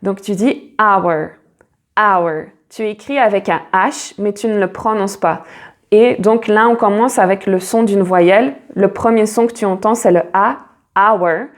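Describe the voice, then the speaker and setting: A woman teaching an online English pronunciation lesson, patient, repeating each English word slowly to model it. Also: mid-range voice, fairly even intonation, darkish tone.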